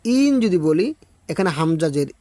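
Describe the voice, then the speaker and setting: Male Quran teacher in an online lesson, slightly high voice, dry recording, slow drawn-out chanting. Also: very animated, warm tone, no room sound. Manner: explains step by step, checks in with "okay?"; chants Arabic verses slowly and drawn out.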